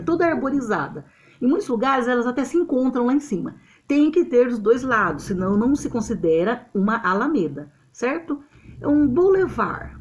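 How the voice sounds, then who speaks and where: A Brazilian woman teaching a literature lesson to a camera, explaining step by step in an animated way and often checking that her students follow. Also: fairly high pitch, dull audio. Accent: Brazilian Portuguese. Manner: animated and explanatory, checks understanding with tag questions. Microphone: camera mic.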